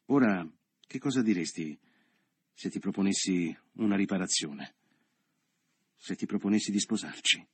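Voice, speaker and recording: Man voicing a bossy businessman, coaxing and insistent, deep husky voice, dry audiobook sound. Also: expressive, normal speed, long pauses, fairly bright tone, dry recording, heavily acted. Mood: persuasive. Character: assertive businessman lover, persuasive, domineering. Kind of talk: audiobook character reading.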